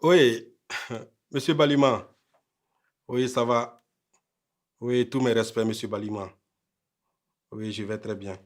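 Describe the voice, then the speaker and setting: A man's voice: medium pitch, steady tone, takes it slowly, long pauses, natural voice. An actor with a Burkinabè French accent, playing an arrogant newly rich husband who talks down to his wife. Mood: polite. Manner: curt and scornful at home, polite on phone.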